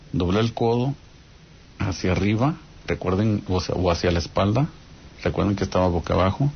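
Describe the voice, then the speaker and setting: Low-voiced Mexican man telling a ghost story. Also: highs cut off, slight background noise. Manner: talks straight to listeners with frequent "¿no?" check-ins. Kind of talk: casual spoken ghost story.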